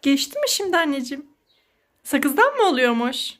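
Mom vlogger, 30s woman, high voice, theatrical exclaiming, playful skit. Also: sing-song, moderate pace, a bit bright. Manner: dramatic, exclaiming, sing-song fussing. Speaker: mother filming her child. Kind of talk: playful family skit vlog.

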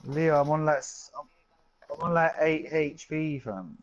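A man's voice: on the high side, unhurried, muffled recording. A young man with a London roadman accent and slang, bantering casually as he plays an online game.

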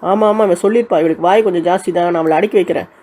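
Warm-hearted peacemaking elder sister, brisk and gently firm, acted. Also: mid-range voice, close to an everyday voice. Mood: mediating. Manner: soothing, scolding her sister gently, generous. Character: kind, calm elder sister who mediates. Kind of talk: comic village skit acting.

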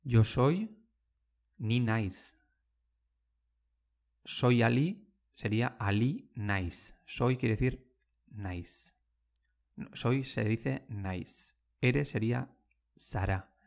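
Here a Basque teacher sounds animated, his mid-range voice carrying vocal fry. In a relaxed lesson he patiently and slowly explains vocabulary, repeating words and frequently asking "¿vale?" to check in.

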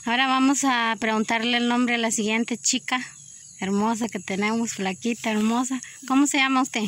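A woman's voice: fairly high pitch, steady tone, normal speed, fairly bright tone. Chatty woman hosting outdoors by phone. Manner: chatty, upbeat, full of praise. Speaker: channel host, interviewer behind the camera. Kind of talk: casual video interview. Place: outdoors on a rural dirt road.

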